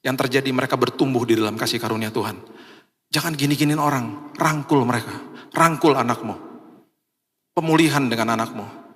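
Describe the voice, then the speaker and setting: Telling a story during his sermon, a male pastor acts out the people in it, leaping in pitch whenever he voices a quote. He talks fairly quickly with frequent pauses and a fairly bright tone, his words echoing with long reverb in a large church hall.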